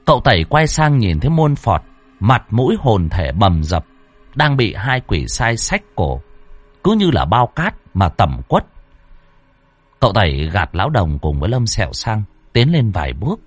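A man narrating a ghost story in a casual, animated way. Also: on the low side, normal speed, breathy edge, no echo. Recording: dry close mic, faint music.

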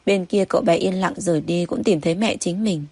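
Female audiobook narrator, low voice, dry close sound, even reading. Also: fairly quick, slightly rough, no room sound. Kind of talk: scripted story narration.

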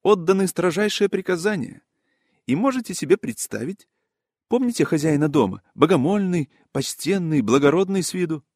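Brief: man doing an eager gossiping middle-aged busybody, high and fluttery, overly polite, dry close audiobook sound. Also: moderate pace, no room sound. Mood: excited gossip. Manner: excited, ingratiating, old-fashioned politeness. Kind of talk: audiobook character voice.

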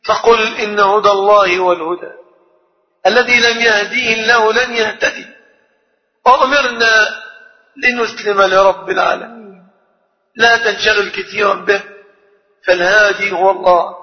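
A man's voice: high voice, fairly even intonation, moderate pace, pauses often. A man teaching a religious lecture, speaking emphatically and posing rhetorical questions to his listeners. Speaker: Quran teacher. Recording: long reverb, dull lo-fi sound.

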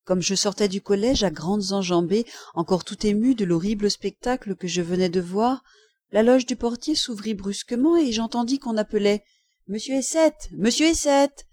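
A woman narrates a classic novel in a warm, mellow voice, measured and expressive in her storytelling. Her reading is recorded close and dry, with no room sound around it. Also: mid-range voice, no echo. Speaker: audiobook reader. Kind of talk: scripted literary narration.

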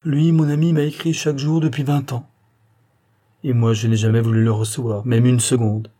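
Grieving dying mom, a guy reading her, raspy dark voice, pleading hard. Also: medium pitch, flat delivery, normal speed, lightly acted. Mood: anguished. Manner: impassioned, pleading. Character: dying middle-aged mother, anguished and grieving. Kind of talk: audiobook reading.

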